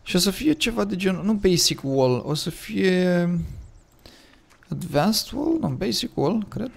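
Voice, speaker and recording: A man with a Romanian accent chatting casually as he plays and thinks aloud, his voice a little hoarse from the early morning. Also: high voice, big pitch swings. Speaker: gaming commentator. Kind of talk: casual gameplay commentary.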